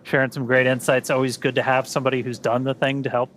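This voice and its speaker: A man co-hosting a live space mission webcast, giving an enthusiastic recap at a steady pace. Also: medium pitch, quick pace, slight background noise. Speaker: webcast host. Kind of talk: live launch webcast commentary.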